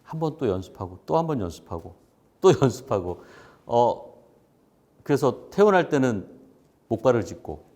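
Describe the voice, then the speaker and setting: A man in his fifties, an actor and acting teacher, telling his personal story in an expressive talk. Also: medium pitch, moderate pace, long pauses. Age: 50s. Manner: expressive, acts out quoted voices.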